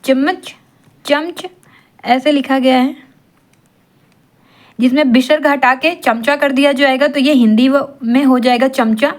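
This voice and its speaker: A woman's voice: high-pitched, steady tone, measured pace. A woman tutoring for an exam in Hindi, asking rhetorical questions and answering them herself, mixing in English terms. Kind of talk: classroom-style exam lesson.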